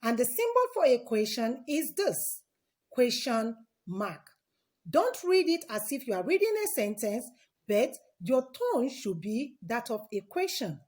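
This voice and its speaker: A woman's voice: fairly high pitch, very animated, a little slow, a little mellow. A woman teaching an online lesson for children, repeating key words and quizzing her young pupils as she goes. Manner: repeats key words and asks the class questions.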